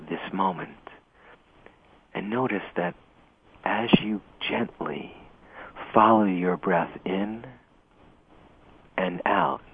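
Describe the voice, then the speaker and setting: A man leading a guided meditation in a slow, gentle, soothing way, heard over a narrow radio broadcast. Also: deep voice, slightly rough. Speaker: meditation teacher.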